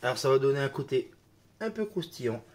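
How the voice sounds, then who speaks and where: Speaking a little fast in a mid-range, somewhat dark voice with big swings in pitch, this man hosts a cooking video despite a slight cold. His delivery is chatty and loaded with fillers such as "hop" and "hein." Kitchen sounds of clinking dishes and utensils fill the background.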